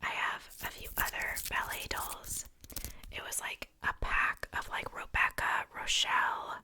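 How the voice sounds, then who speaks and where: A young adult woman hosts an ASMR video, whispering casually through a rambling, informal show-and-tell with self-joking asides. Her voice is bright and forceful at a measured pace.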